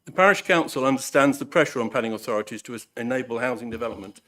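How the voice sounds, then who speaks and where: Man, mid-pitched, formal read statement, measured, earnest, rhetorical, parish representative. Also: bright, forceful tone. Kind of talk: formal prepared speech, read out. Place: council meeting room.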